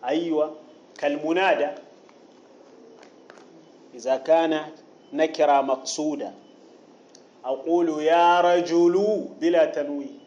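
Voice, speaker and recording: A man teaching a grammar text, explaining deliberately, repeating key phrases and asking the listener questions. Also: a little high, fairly even intonation, a little mellow, a little hiss or hum. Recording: dull lo-fi recording.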